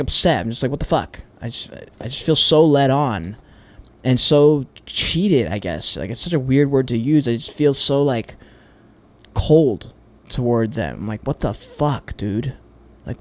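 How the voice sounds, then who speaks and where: A man speaks to camera in a candid, self-questioning monologue. His voice sits at a middle pitch for a man, and he often hesitates and restarts as he works his thoughts out. He drops casual swear words along the way. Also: a little mellow. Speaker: vlogger.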